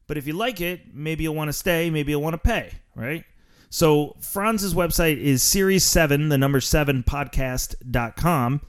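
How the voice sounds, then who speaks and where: A man's voice: on the high side, smooth. Brash, profane Philly podcast host, man. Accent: Philadelphia. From Philadelphia area. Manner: brash, sarcastic, laughs at own jokes. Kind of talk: profane casual monologue.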